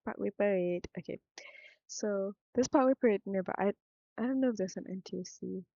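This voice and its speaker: This is a frank, meandering vlog monologue from a young Singaporean woman who thinks aloud and keeps breaking off mid-thought. She speaks briskly in a mid-range, gravelly, warm voice, and the recording is dry and dull.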